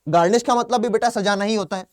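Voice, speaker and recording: High-voiced chatty teacher with a Hindi accent. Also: male voice, fast, no room sound, studio quality. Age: young adult. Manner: chatty, calls students "beta", keeps asking then answering his own questions. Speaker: English vocabulary teacher. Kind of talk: online exam-prep class.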